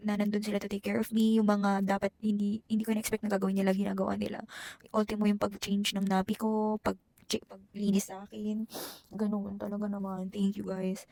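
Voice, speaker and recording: A woman's voice: mid-range voice, a little mellow, dry recording. A young woman telling a personal story in a casual vlog, chatty and emotional, mixing Tagalog with English. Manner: emotional, Taglish code-switching, chatty asides. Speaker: vlogger.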